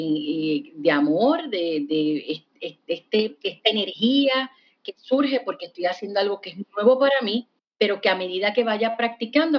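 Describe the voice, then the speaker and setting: Woman psychologist explaining with steady calm. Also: mid-range voice, dull audio. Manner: warm explanatory, asks "¿verdad?" often. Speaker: psychologist guest. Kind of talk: podcast interview.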